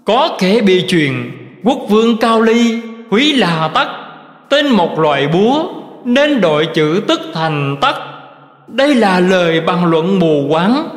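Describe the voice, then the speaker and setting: A man giving a slow, measured recitation of Buddhist teachings in a scripted reading style. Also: high voice, sing-song. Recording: roomy recording with long reverb.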